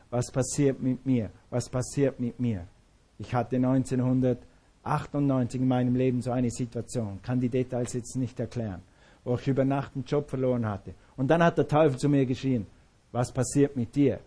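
Emphatic male preacher with a dark tone. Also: medium pitch. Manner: emphatic, repeats key phrases. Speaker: pastor. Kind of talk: sermon.

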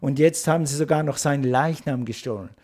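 A man's voice: fairly high pitch, fairly quick, darkish tone, natural voice. A man voicing a weeping woman at a tomb. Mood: distraught. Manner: distraught, pleading.

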